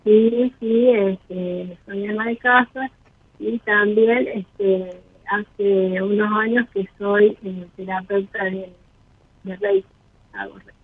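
A woman calls in through a wireless headset that turns her voice thin, tinny and distorted. She talks slowly and hesitantly, with a gravelly edge. The sound is dry and close. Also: mid-range voice, dry recording. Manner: hesitant, soft-spoken, with many fillers. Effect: distorted wireless headset on a phone call. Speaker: caller. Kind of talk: call-in conversation. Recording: distorted phone-line headset audio.

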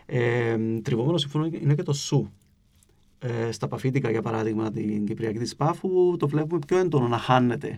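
A man's voice: mid-range voice, a little mellow. A man with a Cypriot Greek accent, giving patient, explanatory interview answers as a linguist guest, with frequent hesitation sounds. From Cyprus. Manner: patient, explains with spoken examples, many filler "e" sounds.

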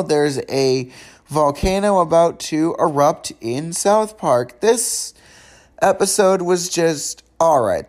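Rambling, stammering male podcaster. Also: a little high. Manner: rambling, conversational, with frequent restarts and stammers. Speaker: podcast host. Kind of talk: casual unedited podcast review.

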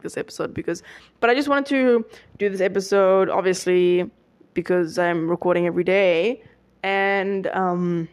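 A young woman of nineteen hosting a solo podcast, chatting casually with many fillers and self-corrections. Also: mid-range voice. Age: young adult. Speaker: podcast host.

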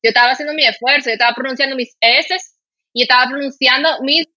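Talking fast in a high voice, a Dominican woman hosts a casual podcast, her mild Dominican Spanish accent coming through. She's animated and indignant as she tells stories heavy with fillers, on a lo-fi recording without echo.

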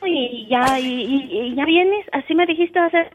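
Woman caller, chatty, hesitant starts, high voice, muffled phone sound. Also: a little slow, music in the background. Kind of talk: phone-in chat.

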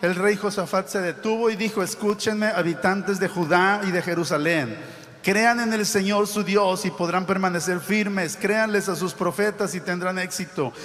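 Male pastor, high voice, fervent sermon delivery, long hall reverb. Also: moderate pace, fairly bright tone. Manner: preaching with rising emphatic exclamations.

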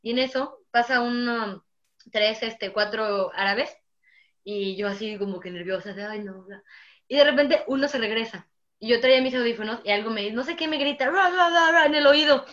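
Animated young Mexican woman telling stories. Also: fairly high pitch, moderate pace, highs cut off. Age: young adult. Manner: animated storyteller, acts out her own past words. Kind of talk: casual chat.

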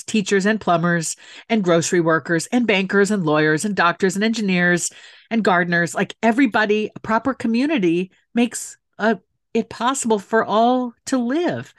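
Heard in clean studio sound without echo, a middle-aged guest who writes books and serves on a city council talks earnestly at medium pitch. She leans on repeated phrases to drive her points home.

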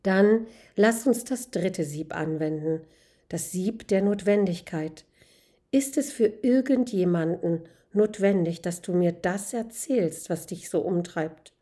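A calm old male philosopher who questions patiently, as a woman reads him aloud. He speaks in a measured way with a soft, mellow tone. He sounds like a figure from a gentle storybook. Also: high voice.

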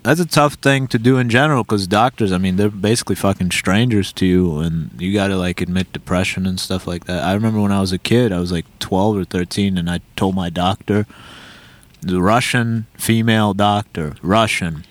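A young man with a slightly low voice, talking on a podcast recorded in a parked car. He tells loose, profane stories and keeps breaking off and restarting his sentences. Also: fairly quick, no room sound. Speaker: comedian guest. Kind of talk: casual podcast chat.

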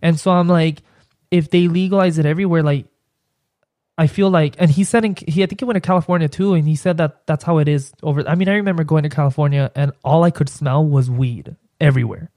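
A man's voice: on the high side, fast talker, a little mellow, dry recording, clean studio sound. A man with a Mexican Spanish accent, chatting casually as a podcast guest and rambling through stories with lots of restarts. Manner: rambling, hesitant storytelling with many restarts. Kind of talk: casual chat.

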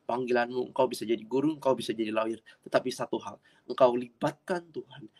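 A man preaching a personal testimony sermon in an earnest way, with sudden loud bursts of emphasis and frequent repetition. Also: mid-range voice, fairly even intonation, fast. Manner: addresses audience as friends, repeats himself.

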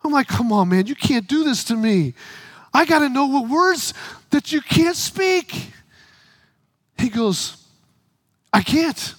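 A middle-aged man preaching a sermon, telling stories and acting out the dialogue in quick quoted voices, sometimes bursting into shouts for emphasis. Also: very high-pitched, lively intonation, no echo. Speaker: pastor.

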